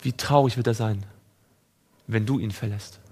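A man preaching a sermon, reading scripture and speaking directly to his listeners, moving between raised, emphatic passages and hushed ones. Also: lowish voice, normal speed, slightly rough. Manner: addresses listeners directly and personally; reads scripture aloud within the sermon.

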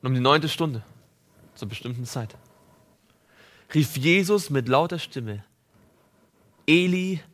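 A man preaching a sermon, reading scripture and speaking directly to his listeners, moving between raised, emphatic passages and hushed ones. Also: on the high side, animated, takes it slowly, long pauses. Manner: addresses listeners directly and personally; reads scripture aloud within the sermon.

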